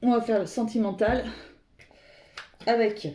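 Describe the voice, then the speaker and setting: A woman reads tarot for her viewers in a slightly high, warm voice that stays steady and measured. Addressing them directly, she drifts along and searches for words, captured with a roomy echo.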